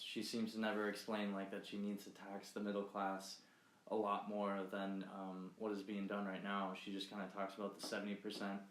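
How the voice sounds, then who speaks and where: A young man co-hosting a podcast, talking politics in a blunt, heated way and swearing freely. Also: fairly low pitch. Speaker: podcast co-host. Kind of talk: casual political chat. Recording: echoey room.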